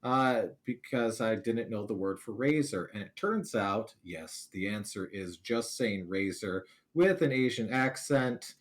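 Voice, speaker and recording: A man's voice: lowish voice, unhurried, hardly any pauses. American guy, middle-aged, guest on a casual chat, joking about himself, voice jumps all over. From United States. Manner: animated, jokey, self-deprecating anecdotes. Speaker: streamer guest. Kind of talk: casual interview storytelling.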